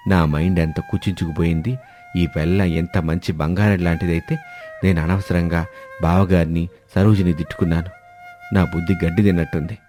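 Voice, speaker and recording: A man's voice: deep voice, dark tone, pitched below the performer's own voice, close to an everyday voice. Man doing a grumbling old father-in-law. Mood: fretful. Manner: whiny complaining, fearful asides. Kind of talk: animated storybook voice acting.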